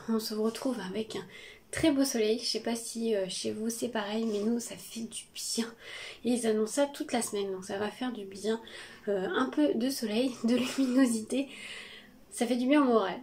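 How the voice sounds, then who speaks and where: A woman with a sniffly cold speaks casually from her home studio. Her voice is mellow and slightly high, and her speech is hesitant and full of fillers. There is a faint hiss in the background. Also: fairly even intonation. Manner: hesitant, many pauses and fillers. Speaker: craft vlogger. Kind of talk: casual studio vlog chat.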